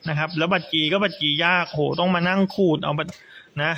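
A man's voice: fairly high pitch, steady tone, brisk, lo-fi sound. A man explaining amplifier assembly in a casual, chatty tutorial, often restarting sentences and adding polite particles.

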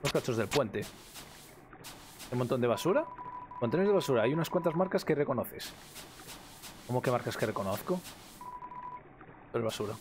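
A man, commentating a game live and reading its text aloud, excitable, swearing often and shouting suddenly. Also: medium pitch, moderate pace, pauses often, background noise. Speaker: streamer. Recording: game music playing clearly behind the voice.

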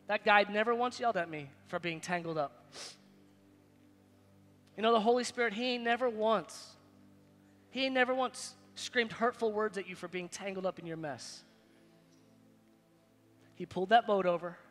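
A bright-voiced male pastor in his forties preaches from a church stage, pitching high and loud in one breath and dropping to a hush the next. His voice rings through a large hall with a long tail of reverb, and soft music sits underneath. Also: normal speed, pauses often. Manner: animated, preaching with big swings in loudness and pitch. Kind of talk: sermon.

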